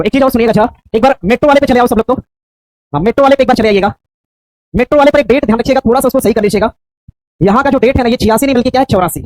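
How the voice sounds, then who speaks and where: A woman teacher drills her students for an exam, firing and repeating short questions at a brisk pace. Her voice sits a little high, and the sound is dry and close, with no room echo. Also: a little mellow. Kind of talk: classroom exam coaching.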